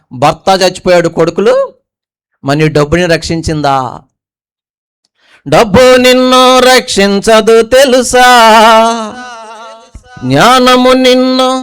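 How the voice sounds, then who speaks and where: A male pastor delivers a sermon in a high, smooth, resonant voice. He keeps throwing questions at the congregation and drops from forceful emphatic lines to quiet, low asides. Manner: preaching with call-and-response questions to the congregation.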